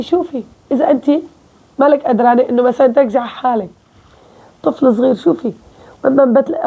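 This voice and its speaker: A woman's voice: high-pitched, mellow. A woman with a Levantine Arabic accent teaching Quran recitation in a casual spoken lesson, explaining step by step and often checking in with her listeners.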